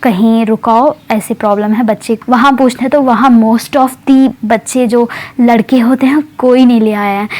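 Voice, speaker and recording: A woman's voice: a little high, darkish tone. A woman telling a story casually, in a chatty way with many hesitations and English words mixed in.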